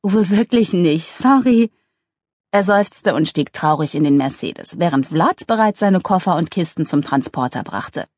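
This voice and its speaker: A woman narrating a humorous novel with a lively, ironic delivery. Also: normal speed, hardly any pauses, no room sound, clean studio sound. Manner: lively, ironic, voices characters with raised pitch. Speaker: audiobook narrator.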